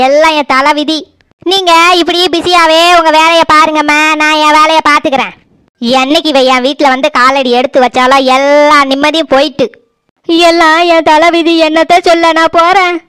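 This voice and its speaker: A woman voicing a sharp-tongued older mother-in-law in a cartoon, speaking with a Kanyakumari Tamil accent in a scolding, self-pitying way. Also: sits high, dry recording.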